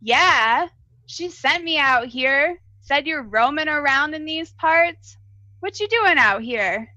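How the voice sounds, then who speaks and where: A woman's voice: high-pitched, animated, slow pace, pushed and bright, dry recording, dull audio, exaggerated voice. A woman playing a free-spirited, brash adventurer with a slightly crackly voice and blunt, slangy talk. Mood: offhand.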